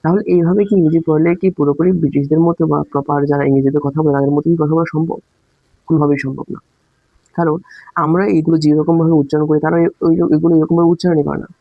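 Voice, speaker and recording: A man's voice: on the high side, flat delivery, very fast, no room sound, dull audio. A man giving a casual spoken English lesson, explaining with rhetorical questions and sounding out letters aloud. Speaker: English teacher.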